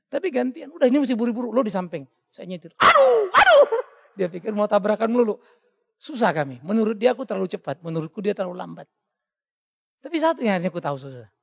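A male pastor preaching a sermon in an animated way, often acting out the voices of the people he quotes. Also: high voice, creaky, in a large hall. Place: church hall.

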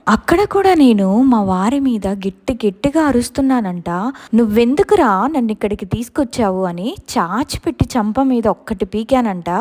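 Woman telling a ghost story, mellow. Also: fairly high pitch. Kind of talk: first-person horror story narration.

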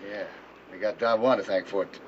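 An actor playing an easygoing adult male diver in a 1960s TV drama, wry and relaxed. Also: lowish voice, a little fast, noisy background, close to an everyday voice. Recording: dull lo-fi 1960s TV soundtrack.

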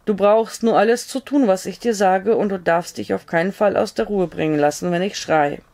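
Woman reading injured male doctor, calm, matter-of-fact, gravelly, audiobook. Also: medium pitch, moderate pace, natural voice. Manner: sober, matter-of-fact instructions.

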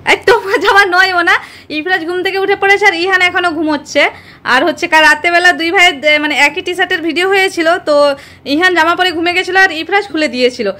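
A woman's voice: very high-pitched, fairly even intonation, fast, bright, forceful tone, rough recording. A young woman filming her children, playfully teasing them and narrating to viewers. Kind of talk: casual family vlog narration.

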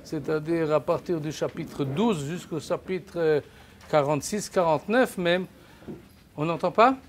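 An older man whose first language is French teaches a Bible class to a live audience in a lecture room with a projector screen. He has no microphone and is picked up by a distant camera, so he raises his voice, speaking haltingly with many restarts and repeated words. His voice is a little high, with slight background noise.

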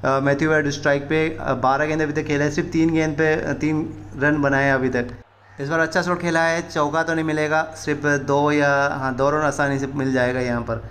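Excited man doing higher-pitched cricket commentary. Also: normal speed, slight background noise. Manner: repetitive, addresses viewers often. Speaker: gaming streamer commentating.

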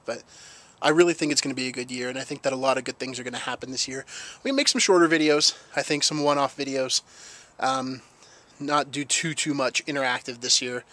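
A man's voice: medium pitch, a bit bright. Rambling young man vlogging. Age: young adult. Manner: rambling, jokey, repeats phrases. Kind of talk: casual vlog chat to camera. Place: outdoors in a snowy backyard in winter. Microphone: handheld camera at arm's length.

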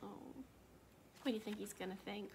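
A children's librarian in her sixties hosts storytime in a small indoor room, reading aloud expressively and asking the children questions along the way. Her mid-range voice stays fairly flat in pitch and moves at a normal speed, with background noise audible.

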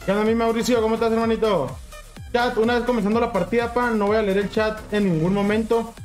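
Brief: young Mexican gaming streamer, high voice, pumped up and slangy, faint music behind. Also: male voice, steady tone, fast. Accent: Mexican Spanish. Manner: hyped, slangy, keeps urging chat. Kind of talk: casual livestream chat with viewers.

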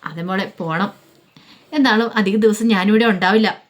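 A subdued young woman, hurt but steady, speaks softly in a told family story, as a woman storyteller puts her on. She stays low and calm, even when pushed. The voice is close to the storyteller's own. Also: normal speed, lightly acted. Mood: resigned. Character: young woman daughter, quiet, hurt, resigned.

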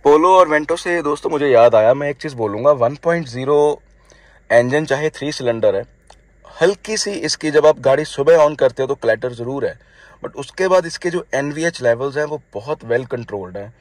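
Slightly hoarse man chatting in a car. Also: medium pitch, expressive, normal speed, no echo. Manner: chatty, mixes English phrases into his talk, addresses viewers as friends. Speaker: car owner reviewing his new car. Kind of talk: casual spoken car review. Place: inside a car.

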